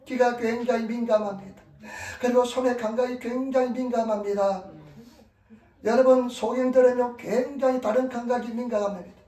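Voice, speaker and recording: A man's voice: extremely high pitch, steady tone, moderate pace, mellow, far from the mic. A male pastor preaching a sermon in a church, pleading emphatically and repeating his exhortations. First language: Korean, preaching in Korean in Japan. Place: church sanctuary. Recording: echoey room, voice from off-mic.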